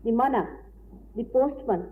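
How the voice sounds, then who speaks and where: Woman teacher, slightly high voice, paced, pausing lecture; tinny old tape with light hiss. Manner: deliberate, explanatory, with frequent pauses. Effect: old tape recording. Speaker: spiritual teacher.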